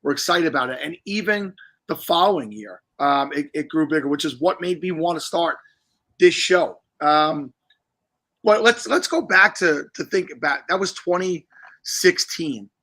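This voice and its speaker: A man's voice: fairly high pitch, animated, normal speed, bright, forceful tone. A middle-aged man hosting a casual livestream podcast, chatty and rambling with joking asides. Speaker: podcast host.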